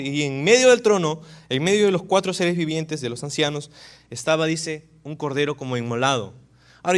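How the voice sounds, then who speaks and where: A man preaching a sermon, animated, often tossing rhetorical questions to his listeners. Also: fairly high pitch. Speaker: pastor.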